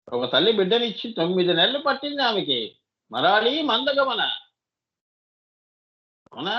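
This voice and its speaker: A man's voice: sits high, lo-fi sound. A man giving a devotional discourse as a spiritual teacher, often asking his listeners rhetorical questions and calling them child.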